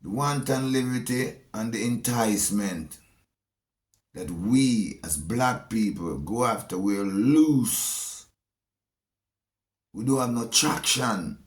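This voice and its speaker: Slow, preachy Jamaican man in an echoey room. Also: on the low side. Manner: slow, emphatic, repeats phrases. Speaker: speaker giving a monologue. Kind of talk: preachy spoken monologue.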